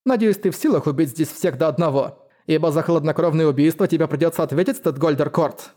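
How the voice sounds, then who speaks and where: Male reader as a steely woman steward, icy and stern, warm mellow tone. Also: on the high side, quick pace, close to an everyday voice. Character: cold commanding woman, steward of her estate.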